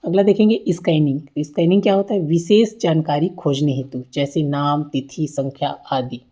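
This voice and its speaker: A woman's voice: low voice, steady tone, moderate pace, mellow. A woman teacher giving an exam-prep lecture over slides, often asking and then answering her own questions and repeating key points.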